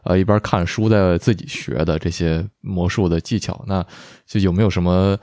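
A man hosting a casual interview, asking questions in a halting, hesitant way. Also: sits low, steady tone, dark tone, no echo, clean studio sound. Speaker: podcast host asking questions.

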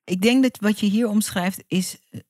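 A woman's voice: medium pitch, normal speed, a little mellow, dry recording, clean studio sound. A woman hosting a podcast interview, encouraging and talking in long winding sentences full of fillers. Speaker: podcast host.

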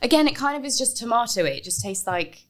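A woman's voice: fairly high pitch, animated, fast. Teasing woman. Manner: teasing, giggly, candid. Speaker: podcast co-host. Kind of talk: casual podcast chat.

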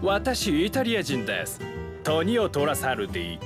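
A hammy male Italian chef with a clumsy, overdone accent, as a man puts him on. The pitch swings wildly, slightly raised. Clear guitar music plays underneath. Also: huge pitch swings, normal speed. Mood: playful. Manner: mock bad Italian accent on foreign phrases.

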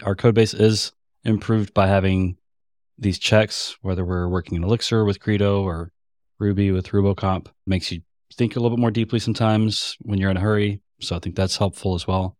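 A man hosting a podcast in casual chat, joking with a playfully deadpan delivery. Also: fairly low pitch, brisk, no echo, studio quality. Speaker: podcast host.

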